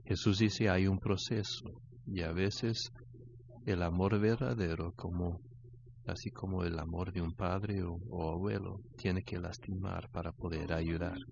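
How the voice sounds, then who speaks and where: An older man preaches a sermon in a very deep voice at an unhurried pace. He often stalls and repeats his words, and he grows louder as he tells a story. The recording sounds dull and lo-fi, with faint noise behind him. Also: steady tone, vocal fry.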